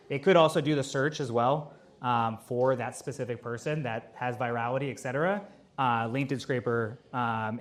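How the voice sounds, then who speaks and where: Young guy on stage, casual, says like a lot, middle pitch. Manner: casual, filler-heavy, lots of "like". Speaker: AI consultant on stage. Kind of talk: live Q&A answer. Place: office event space with audience.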